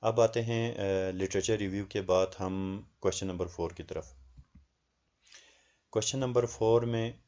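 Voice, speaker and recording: A man's voice: on the low side, fairly even intonation, a little mellow, muffled recording. A man with a Pakistani Urdu accent, teaching a lesson and explaining a research assignment step by step with frequent hesitations. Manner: explains slowly with many hesitations, reads questions aloud in English.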